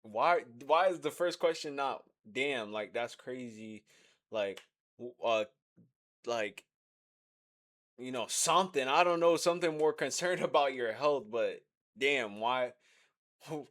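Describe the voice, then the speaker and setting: A man's voice: medium pitch, measured pace, long pauses, fairly bright tone. An American man co-hosting a movie discussion, reacting in a casual, slangy, conversational way. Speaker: co-host reacting to a film recap. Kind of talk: casual chat.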